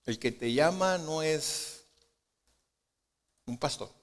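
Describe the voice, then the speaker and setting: A man preaching a sermon as pastor, asking rhetorical questions and moving between soft low asides and loud emphatic lines. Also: slow. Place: church sanctuary. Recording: long hall reverb of a church sanctuary.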